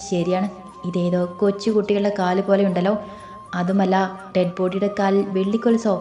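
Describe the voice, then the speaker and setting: A woman voicing an excitable young man who teases his friend, recorded in a roomy space with faint music. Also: mid-range voice, a little fast, lightly acted. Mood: uneasy. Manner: teasing, excitable.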